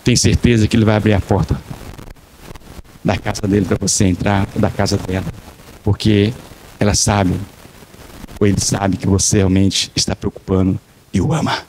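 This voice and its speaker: A man's voice: on the low side, little pitch movement, normal speed, pauses often, a little mellow, a little hiss or hum. A man preaching a sermon as pastor, telling stories with emphatic repetition and acting out the dialogues. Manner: dramatic storytelling, acting out dialogues.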